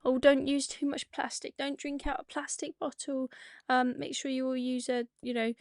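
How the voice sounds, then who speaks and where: A preachy, whiny eco-campaigner, put on by a woman in a raised, sing-song voice full of sarcasm. The voice is pitched noticeably higher and sounds mocking. The recording is dry and close. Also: level tone, normal speed, dry recording. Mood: sarcastic.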